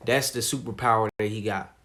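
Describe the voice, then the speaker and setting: A man streaming live, talking casually in a calm, laid-back way with plenty of slang. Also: lowish voice, a little fast. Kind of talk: casual livestream commentary.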